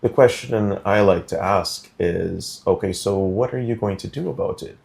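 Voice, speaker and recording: A deep-voiced man with a gravelly edge talks as a studio interview guest. He is middle-aged and from Guyana. He explains things slowly and deliberately, with frequent ums and uhs. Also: darkish tone. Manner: measured, deliberate, many um fillers. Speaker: interview guest, food policy director.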